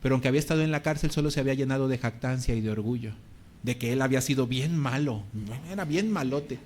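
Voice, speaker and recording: Mexican pastor telling a story. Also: male voice, mid-range voice, fast. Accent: Mexican Spanish. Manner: lively storytelling with colloquial words. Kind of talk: sermon with testimony storytelling.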